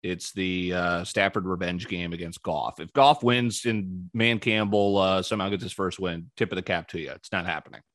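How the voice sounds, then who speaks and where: Casting note: man hosting a betting show, low voice, dry close sound, chatty and opinionated. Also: normal speed, few pauses, a bit bright, no echo. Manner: breezy, opinionated, frequent ums. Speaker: sports betting podcast host. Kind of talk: casual sports betting talk.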